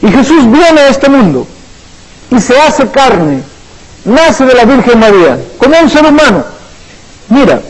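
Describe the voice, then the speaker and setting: A man's voice: extremely high pitch, breathy edge, poor audio. A man preaching a sermon, asking questions and answering them himself, and acting out short dialogues. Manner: acts out short dialogues with a dropped voice.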